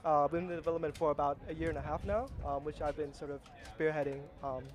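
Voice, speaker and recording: A young Vietnamese man who leads flight simulation for a rocketry team speaks in a casual interview outdoors at a launch site. His voice is on the high side with fairly even intonation, and he talks fast, with many fillers and restarts.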